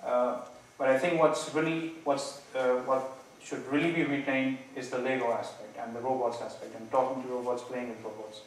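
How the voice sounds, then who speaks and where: A man defending his PhD thesis, nervous and hedging, halting with many false starts and repeated words. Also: mid-range voice, fairly even intonation. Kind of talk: academic thesis defense, spontaneous answers. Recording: very echoey room, distant mic, faint noise.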